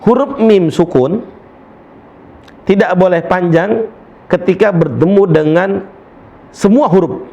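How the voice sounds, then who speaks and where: Male recitation teacher with a raised, gravelly voice and a very slow delivery. He chants verses and patiently drills letter sounds. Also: high-pitched, dark tone, lo-fi sound. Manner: demonstrates letter sounds slowly and repeatedly, then corrects students; switches between explaining and chanting verses. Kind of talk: tajwid lesson with recitation drills.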